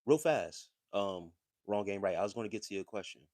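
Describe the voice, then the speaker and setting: A man's voice: lowish voice, animated, a little fast, a little mellow, no echo, studio quality. A man hosting a livestream, talking casually and reading chat messages in a loose, slangy, conversational way. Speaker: livestream host.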